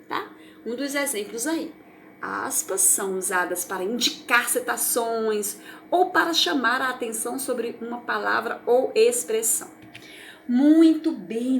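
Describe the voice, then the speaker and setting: A woman's voice: on the high side, a bit bright, slight background noise. Encouraging Brazilian woman teaching young children. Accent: Brazilian Portuguese. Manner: patient, encouraging, checks understanding often. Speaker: primary school teacher. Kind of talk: recorded review lesson for children.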